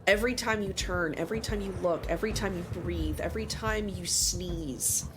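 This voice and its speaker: A woman narrating a tabletop role-playing game as game master, describing scenes in a measured way with searching pauses. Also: lowish voice. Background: background music.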